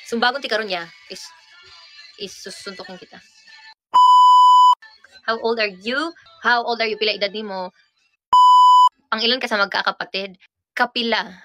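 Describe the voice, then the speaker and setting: A woman's voice: medium pitch, moderate pace, long pauses, over loud music. A young woman in her twenties with a Cebuano accent, chatting casually and teaching everyday phrases in a playful, giggly way. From Visayas, Philippines. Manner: playful, giggly, switches languages freely. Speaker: pop group member.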